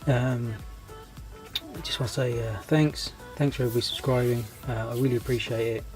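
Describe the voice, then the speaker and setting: Stuffy-nosed and with his voice giving out from a cold, this man hosts a scale model hobby channel and chats loosely through a rambling vlog update. He speaks briskly in a medium pitch with a steady, somewhat dark tone, often hesitating and starting sentences over while staying warm and relaxed. Clear music plays in the background.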